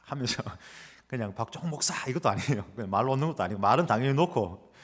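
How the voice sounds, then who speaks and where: A male pastor preaches in a church sanctuary, telling a story with lively, wide-ranging inflection. His voice rings with the long reverb of the hall, and he acts out the quoted lines as he goes. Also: mid-range voice, fast. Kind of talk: sermon with personal story.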